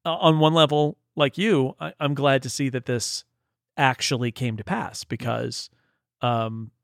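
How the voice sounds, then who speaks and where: A man's voice: mid-range voice, steady tone, measured pace, gravelly, dry recording. Rambling, thoughtful man on a dry mic. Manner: thoughtful, rambling, frequent restarts. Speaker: podcast co-host reporting from an event. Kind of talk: casual tech podcast chat.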